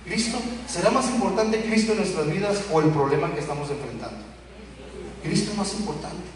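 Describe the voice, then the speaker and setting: Preaching a sermon in a church hall, a Mexican pastor speaks fairly quickly with a Mexican Spanish accent, animated and lively, acting out the voices of the children and parents in his stories. His voice is high for a man. He sounds distant in a large hall with long echoes and faint background noise.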